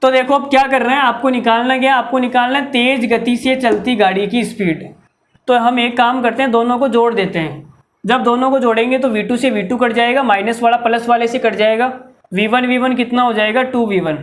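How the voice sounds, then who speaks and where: A man teaching a maths video lesson, chatty and playful, breaking into jokes between the working steps. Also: very high voice. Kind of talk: video lesson with comic asides.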